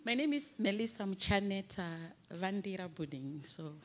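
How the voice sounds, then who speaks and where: A woman's voice: mid-range voice, animated, normal speed, a little hiss or hum. A woman in her forties from Zimbabwe, telling a rambling personal story at a public panel, laughing often. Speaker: audience member. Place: large hall with an audience. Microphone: handheld microphone.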